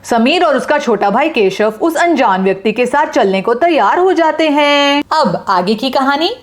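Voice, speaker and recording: High-voiced woman narrating a doll story. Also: measured pace. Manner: steady storyteller's cadence.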